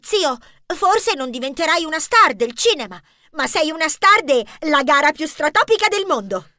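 A woman's voice: high-pitched, very animated, normal speed, bright, forceful tone, no echo, clean studio sound, full character voice. A woman voicing a cheerful young boy mouse in an audiobook, eager and admiring. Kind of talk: audiobook character voice.

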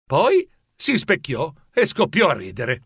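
A man narrating a children's storybook in an expressive, animated way. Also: on the high side, slow, creaky, slightly rough, no echo, studio quality. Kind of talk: storybook reading.

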